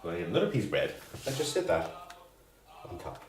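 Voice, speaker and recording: A man's voice: medium pitch, sing-song, a little fast, roomy sound. A man hosting a casual cooking show, joking and rambling as he cooks.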